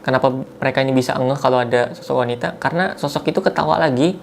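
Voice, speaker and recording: A man's voice: medium pitch, fast, creaky, a little hiss or hum. A man casually retells a listener's mountain horror story as host, talking loosely with slang fillers and self-corrections.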